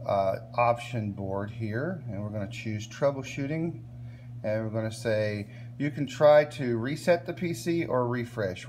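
A man's voice: medium pitch, a little hiss or hum. Man walking through a laptop reset. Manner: relaxed, plain, repeats "okay?" to check in. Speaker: tech tutorial host. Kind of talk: step-by-step screen tutorial. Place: indoors at a workbench filming a laptop screen.

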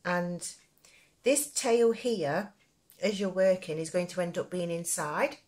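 A woman's voice: fairly low pitch, slow, a little mellow. Chatty woman with a Nottingham accent. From Nottingham, England. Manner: chatty, rambling, informal. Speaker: crochet tutorial presenter. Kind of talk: casual spoken craft tutorial.

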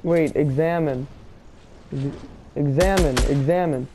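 A man's voice: on the high side, takes it slowly, noisy background. A man chatting casually with his squad, giving short callouts while playing a video game. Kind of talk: casual squad gameplay chat.

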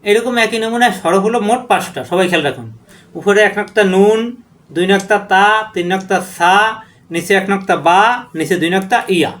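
A man's voice: high voice, fairly quick, a bit bright. A man teaching Quran letter reading, chanting each letter name long and drawn out and then explaining how to pronounce it. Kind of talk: letter-by-letter recitation lesson.

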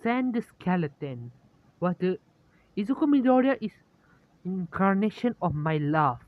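A woman's voice: on the low side, sing-song, measured pace, no echo, narrow, tinny audio. A man voicing a smug, teasing girl spirit in a fan story, talking in a casual, chatty way.

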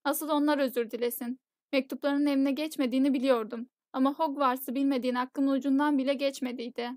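A woman reading the lines of a huge, gruff male giant gamekeeper, blunt and quick to roar, in an audiobook. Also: high voice, fairly even intonation, darkish tone, no echo, clean studio sound, close to an everyday voice. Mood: indignant. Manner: roaring, indignant outbursts.

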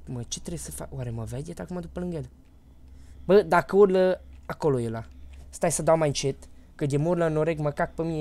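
Man, Romanian accent, gaming streamer, panicky outbursts, repeats words fast, warm dark tone. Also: fairly high pitch. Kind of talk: live horror game commentary.

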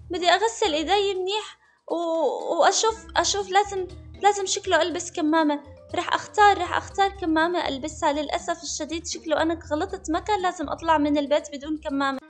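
A woman giving excitable, dramatic, playful commentary over her own gameplay. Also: very high voice. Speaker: gaming channel host.

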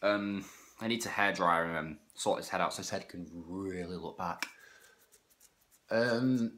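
A man's voice: low voice, unhurried, fairly bright tone. Sniffly man reviewing a toy. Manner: rambling, self-correcting, stumbles over words. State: has a cold, sniffling.

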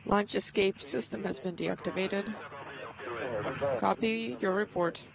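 A man's voice: high voice, steady tone, measured pace, vocal fry, crowd noise. A man working as a launch control operator, speaking in clipped procedural phrases over a radio. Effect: radio transmission. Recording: noisy crackling radio link.

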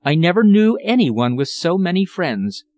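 A man's voice: high-pitched, big pitch swings, normal speed, a little mellow, no room sound, voice pushed up. A man voicing an anxious, refined English lady in an audiobook, speaking in an earnest, genteel, sorrowful way. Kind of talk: audiobook character voice.

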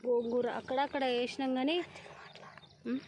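A woman's voice: sits high, little pitch movement, normal speed. A woman vlogging as she walks through farmland beside a road. She chats as she points things out and often restarts her words. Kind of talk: casual walking tour vlog. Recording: loud outdoor noise.

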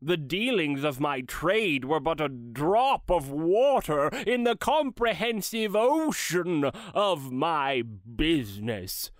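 An actor playing the solemn ghost of a dead old businessman who speaks in slow, grave, mournful pronouncements. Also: on the high side, very animated, no room sound, studio quality. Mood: urgent warning. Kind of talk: dramatized classic story reading.

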